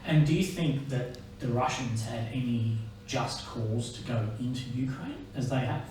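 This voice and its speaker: A man's voice: medium pitch, normal speed, darkish tone. A man interviewing conversationally, putting tentative, carefully worded questions. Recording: very echoey, distant, faint noise.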